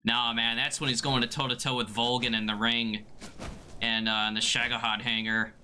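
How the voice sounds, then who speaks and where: A man's voice: medium pitch, flat delivery, moderate pace, pushed and bright, slight background noise. A man giving casual, rambling live commentary on a video game run in a conversational way. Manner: conversational, rambling, frequent "you know". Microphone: headset.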